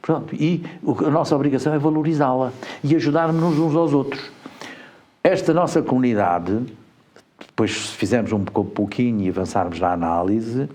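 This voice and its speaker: A man from Portugal with a European Portuguese accent, an education group administrator, is a guest in a studio interview. His mid-range, slightly mellow voice moves a little fast as he explains at length with frequent hesitant fillers.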